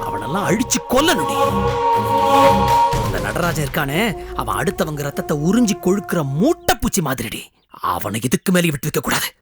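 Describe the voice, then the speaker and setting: A man's voice: fairly high pitch, huge pitch swings, fairly quick, pauses often. Vengeful hot-tempered young man. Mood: contemptuous rage. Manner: shouting, threatening, voice breaking. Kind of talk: TV serial acting. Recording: loud background music score.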